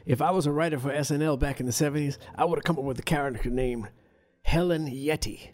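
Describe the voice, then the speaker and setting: A man's voice: a little high, fast, darkish tone. A man co-hosting a podcast in casual, jokey, riffing chat. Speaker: podcast co-host.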